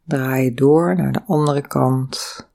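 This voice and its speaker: A woman guiding a lying-down breathing and movement exercise, speaking calmly and humming drawn-out vowel sounds between instructions. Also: a bass voice, vocal fry. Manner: calm, slow guiding with sung vowel sounds. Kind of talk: guided breathing and body exercise.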